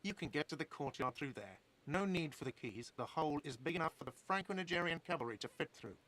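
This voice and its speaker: Grumpy sarcastic cafe manager guy, a man putting it on, keeps nagging about money, kinda high voice. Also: expressive, fast, fairly bright tone. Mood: snippy.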